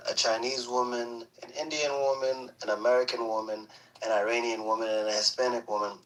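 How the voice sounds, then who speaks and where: Bright-voiced man, rambling and reflective. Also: medium pitch, far from the mic, poor audio. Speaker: panelist. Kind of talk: casual live discussion. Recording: bright voice from away from the mic.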